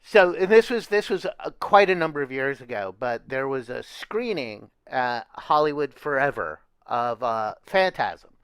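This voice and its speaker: Smooth-voiced man telling rambling anecdotes. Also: mid-range voice, very animated, a little slow, few pauses, fairly bright tone, dry recording. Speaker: podcast co-host. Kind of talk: casual chat.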